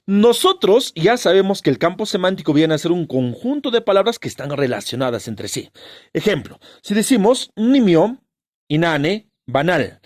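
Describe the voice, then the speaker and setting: A male teacher with a high, very animated voice leads an exam-prep lesson, posing questions and answering them himself. He stresses each key term as he goes. The sound is dry and close, with no room echo.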